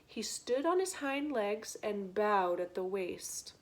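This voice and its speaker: Slow, gentle woman reading aloud. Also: mid-range voice, very animated. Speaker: reader. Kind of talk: storybook read-aloud.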